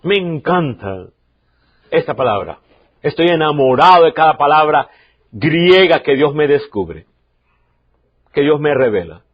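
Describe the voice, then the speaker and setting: A man preaching a sermon as pastor, emphatic, repeating key lines and swinging from loud to quiet. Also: fairly high pitch, sing-song, measured pace, long pauses, breathy edge, lo-fi sound. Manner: emphatic preaching, repeats key phrases, varies loudness sharply.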